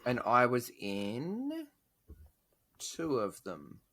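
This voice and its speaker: A man's voice: medium pitch, wildly swooping pitch, very slow, fairly bright tone. A young man co-hosting a casual podcast, teasing his friend and rambling as he talks. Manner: teasing, rambling with fillers and restarts. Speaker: podcast co-host.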